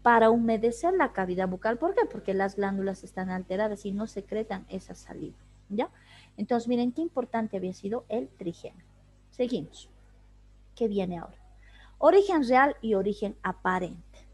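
A woman's voice: medium pitch, expressive, normal speed, darkish tone. A woman teaching anatomy in an online class, explaining step by step and asking rhetorical questions she answers herself. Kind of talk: online lecture. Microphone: video call.

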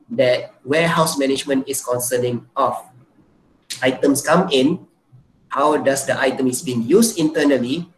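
A male university lecturer, explaining slides in an online lecture and often saying "let's say, for example". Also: medium pitch. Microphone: computer mic on a video call. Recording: echoey room with faint hiss.

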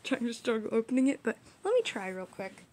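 Young woman, casual art-vlog voiceover: rambling, giggly, self-mocking, fairly high, mellow voice. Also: very animated, a little fast. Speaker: art vlogger. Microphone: small audio recorder, drifts off mic.

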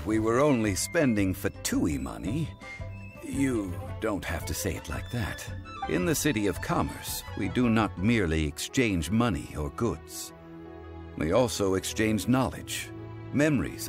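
A man voicing an ancient god living as a calm, dignified mortal, speaking in measured, formal sentences. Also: deep voice, over music, exaggerated voice. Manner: measured, formal, stately speech. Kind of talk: video game voice acting.

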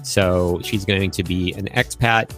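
A man's voice: deep voice, fairly even intonation, measured pace, a bit bright, faint music behind. A man hosting a podcast, talking casually and telling stories in an upbeat, chatty way. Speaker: podcast host.

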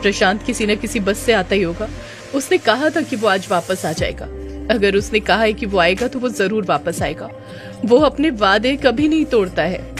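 A woman's voice: mid-range voice, lively intonation, moderate pace, close to an everyday voice. A woman voicing a tearful, frantic young wife. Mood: tearful, anxious. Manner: pleading, anxious. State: crying. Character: distraught young wife searching for her husband. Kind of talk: audio drama narration. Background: background music.

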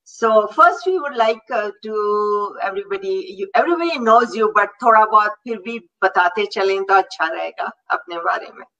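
Female co-host, brisk casual bilingual chat, distant dull call audio. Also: medium pitch, a bit bright. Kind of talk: casual bilingual chat, switching between Hindi-Urdu and English. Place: home study with bookshelves, indoors.

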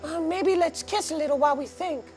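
Actor as a high-pitched, wheedling talking bongo. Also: a little fast, darkish tone, soft background music, natural voice. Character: painted bongo drum, wheedling, amorous companion. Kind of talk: comedy sketch dialogue.

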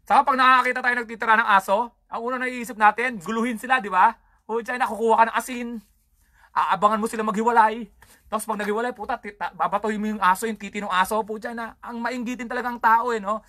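A man's voice: high voice, steady tone, fast talker, bright, forceful tone, no echo, clean studio sound. A man hosting his own comedy show, telling rambling, crude, swear-filled stories about childhood in a casual stand-up style. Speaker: comedian host.

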